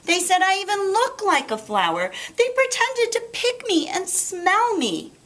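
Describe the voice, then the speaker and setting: A woman's voice: very high-pitched, big pitch swings, measured pace, a bit bright, pitched above the performer's own voice, exaggerated voice. A woman voicing a sensitive little girl in a storybook, plaintive and emphatic. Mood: plaintive, dejected.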